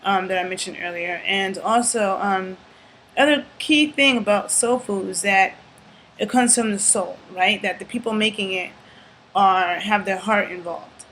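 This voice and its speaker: A woman giving an earnest, emphatic talk to camera about food, often checking in with "okay?" and pausing to think aloud. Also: medium pitch, a bit bright, a little hiss or hum, poor audio. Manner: thinks aloud with fillers and restarts. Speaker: YouTube commentator. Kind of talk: casual talking-to-camera commentary.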